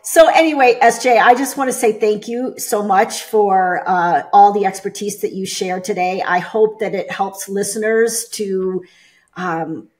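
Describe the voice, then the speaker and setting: A woman hosting an interview podcast, chatty and upbeat, often pausing on "uh". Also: mid-range voice, steady tone, darkish tone. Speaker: podcast host. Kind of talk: casual interview.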